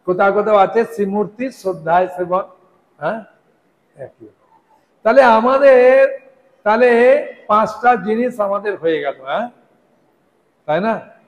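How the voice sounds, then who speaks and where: A man preaching a devotional sermon to a live audience, speaking slowly and deliberately and often checking in with his listeners with questions. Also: high voice, expressive. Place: hall with a gathered audience. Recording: echoey hall.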